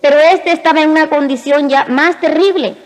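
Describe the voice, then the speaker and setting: A woman giving a spoken religious testimony in an emotional way, speaking in short phrases with dramatic pauses. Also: high-pitched, steady tone. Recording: reverberant hall.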